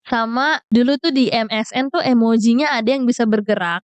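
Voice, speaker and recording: A woman's voice: on the high side, normal speed, clear, resonant tone, no echo. A young woman telling a storytime in casual, slang-heavy chat, mixing English words in. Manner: chatty, mixes English into slang-heavy Jakarta speech. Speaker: vlogger.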